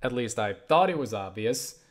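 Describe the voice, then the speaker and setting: In a casual vlog, a young man with a mid-range voice responds to questions from viewers at a moderate pace. He's animated and profane, rambling along and restarting himself again and again.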